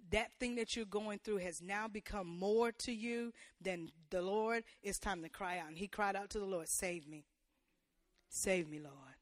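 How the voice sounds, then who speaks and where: Woman preacher, call-and-response sermon, folksy asides, swells to loud emphatic peaks, mid pitch, dry sound. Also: dry recording. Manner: colloquial, playful asides to the congregation. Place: church.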